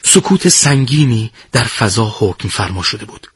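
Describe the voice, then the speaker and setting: A man narrating a dramatic war story in a measured, hushed storytelling manner. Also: on the low side, animated, slight background noise.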